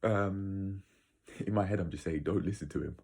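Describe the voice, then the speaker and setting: Male vlogger, very low and mellow, casual opinionated rambler who speaks bluntly. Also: moderate pace, vocal fry, husky. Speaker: video creator. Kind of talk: casual opinionated monologue to viewers.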